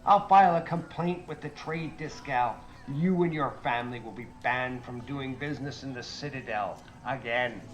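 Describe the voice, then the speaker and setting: Man doing an angry male trader, yelling, accusing, loud, raised pitch. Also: moderate pace, hardly any pauses, close to an everyday voice, rough recording. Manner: accusing, shouting.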